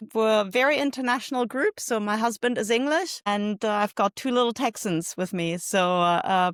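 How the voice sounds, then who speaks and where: Smooth-voiced woman guest from Germany. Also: a little high, no echo, studio quality. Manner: relaxed, many filler "uh"s. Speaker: podcast guest. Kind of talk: casual interview talk.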